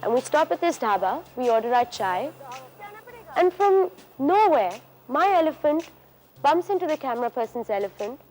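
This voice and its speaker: High-voiced young woman travel presenter. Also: big pitch swings, moderate pace, darkish tone. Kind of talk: casual spoken travel commentary. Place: outdoors, riding an elephant.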